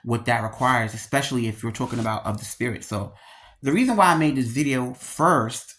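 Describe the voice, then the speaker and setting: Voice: mid-range voice, brisk, a bit bright. A speaker in their thirties with a slight lisp from missing front teeth, talking candidly and emphatically in slangy, casual vlog style, repeating words for emphasis. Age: 30s. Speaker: video creator.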